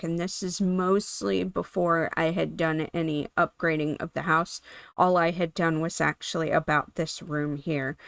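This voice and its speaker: A woman talking casually over her gameplay footage in a meandering, chatty way, her voice hoarse from being sick. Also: deep voice, fairly bright tone, no room sound. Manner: meandering, self-correcting, chatty. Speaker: gaming channel host.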